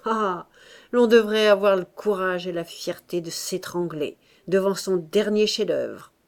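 A woman's voice: mid-range voice, a little slow, close to an everyday voice. A woman reading the part of a burly, self-doubting older master painter in an audiobook, with pleading, tormented outbursts. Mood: despairing. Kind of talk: audiobook character voice.

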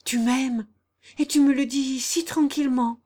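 A woman's voice: sits high, fairly even intonation, measured pace, dark tone, husky, pitched above the performer's own voice. A woman voicing a pale, feverish young baron who speaks in an impassioned, reproachful way in an audiobook. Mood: anguished. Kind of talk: audiobook character reading.

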